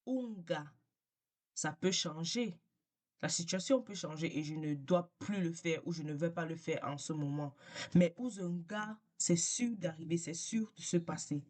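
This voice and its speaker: A woman with a fairly low voice teaches a language in a casual lesson. She speaks very slowly and patiently, repeating each word for learners. She moves between French and English as she explains. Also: a little mellow.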